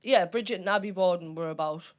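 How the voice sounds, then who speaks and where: A woman with a slightly low voice co-hosts a podcast. She rambles through her points with constant fillers and the odd blunt swear word. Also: brisk. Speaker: podcast co-host. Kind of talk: casual chat.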